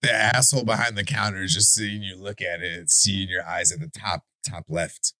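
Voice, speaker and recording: Profane, animated man with a Chicago accent. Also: deep voice, moderate pace, no echo. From Chicago area. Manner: animated, profane, stumbles and restarts. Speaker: podcast co-host. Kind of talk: casual debate chat.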